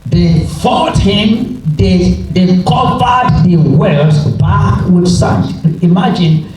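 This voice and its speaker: Male preacher, high voice, slow emphatic delivery with repeated phrases, heard in a very echoey space. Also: a little mellow, soft background music. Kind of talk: revival sermon with scripture readings. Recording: roomy, echoing, distant mic, faint noise.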